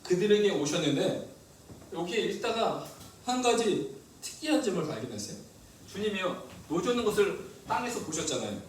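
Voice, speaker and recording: A male pastor preaching a sermon, lively and asking the congregation questions. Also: sits high, moderate pace, very echoey, distant mic, slight background noise, poor audio. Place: church hall.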